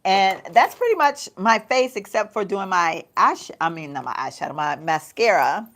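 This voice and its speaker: A woman's voice: medium pitch, animated, moderate pace, a bit bright. A middle-aged woman chatting casually on a get-ready-with-me livestream, calling her viewers y'all and laughing often as she talks through her makeup. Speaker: beauty vlogger. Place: home.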